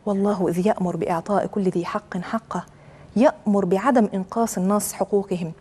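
A woman's voice: medium pitch, fairly even intonation, fast talker, dark tone, slightly rough. Earnest woman giving a religious talk. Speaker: religious speaker.

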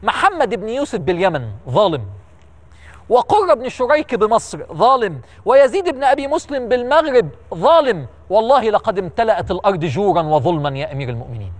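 A man's voice: sits high, very animated, fast talker. A man voicing a stern, pious nobleman who bluntly speaks the truth, in a grave declaiming tone.

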